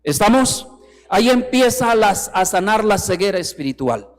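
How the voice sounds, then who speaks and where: A man preaching a sermon as a pastor. He acts out the figures he quotes and swings between strong calls and soft, hushed passages. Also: sits high, very animated, moderate pace. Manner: preaching with acted quotes, rising and dropping to soft tones. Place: church hall. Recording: reverberant hall with music.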